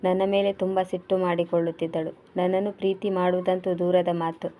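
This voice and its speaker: A grieving transgender woman pours out her past in a storybook reading, as a woman narrator voices her. Her plaintive words come in a flat, mellow voice. The delivery stays steady and sorrowful. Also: on the low side, brisk, natural voice.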